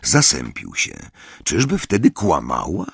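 Deep guy reading a fantasy audiobook, lots of melody, dry close sound. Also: unhurried, creaky, breathy edge, no echo. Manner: expressive storytelling, voicing every character. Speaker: audiobook narrator. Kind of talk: scripted audiobook narration.

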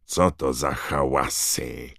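A man's voice: extremely low pitch, sing-song, unhurried, dry recording, studio quality, full character voice. A man doing a cold, venomous teacher. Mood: icy. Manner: quiet, icy, clipped. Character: cold, venomous stern male schoolteacher.

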